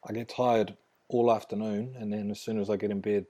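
A man's voice: lowish voice, little pitch movement, fairly quick, warm tone. A young man with a broad New Zealand accent, chatting casually and slangily as an interview guest. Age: young adult. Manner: laid-back, slangy. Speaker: interview guest, rugby player. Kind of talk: casual chat.

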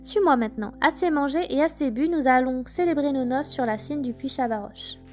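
A woman's voice: sits high, fairly quick, soft background music, close to an everyday voice. A woman voicing a seductive fairy queen who coaxes and urges in a storybook tale. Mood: coaxing. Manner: coaxing, then hissing threats.

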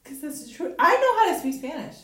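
Giggly tipsy woman, very high voice. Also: big pitch swings, fast talker, noisy background. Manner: giggly, rowdy, laughs constantly. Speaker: friend being filmed. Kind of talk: casual chat. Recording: echoey room.

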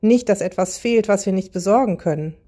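A woman's voice: mid-range voice, a little fast, warm tone, natural voice. A woman voicing an overwhelmed wild boar in a storybook, speaking in a weary, sighing way.

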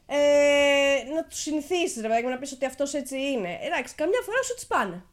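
High, lively woman co-hosting a chat podcast. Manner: candid, swears casually, laughs often. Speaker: podcast co-host. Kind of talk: casual chat. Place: home.

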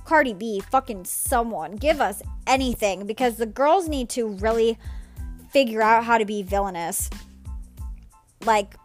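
A young woman in her twenties delivers a blunt, profanity-laced rant with exasperated energy. Her voice sits a little high. Faint music plays underneath. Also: measured pace. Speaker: podcast host.

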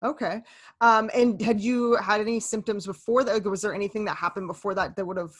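A woman's voice: medium pitch, steady tone, fairly quick. Upbeat woman hosting a podcast. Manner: upbeat, with many "um" fillers. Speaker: podcast host. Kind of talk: casual podcast chat.

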